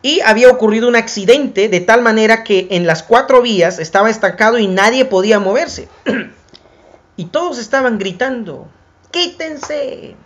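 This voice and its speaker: A man preaching a sermon, addressing his listeners as brothers, rising to emphatic lines and then dropping to hushed, drawn-out phrases. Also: high-pitched. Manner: dramatic preaching that swings from raised, emphatic lines to hushed near-whispers; addresses listeners as brothers and builds long repeated lists. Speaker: preacher and program host.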